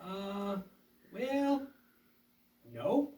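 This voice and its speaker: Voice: medium pitch, animated, extremely slow, mellow. A performer voicing a cheerful, trusting young boy puppet who speaks reassuringly and a little hesitantly in a children's show. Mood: hesitant, hopeful. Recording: roomy echo, distant mic.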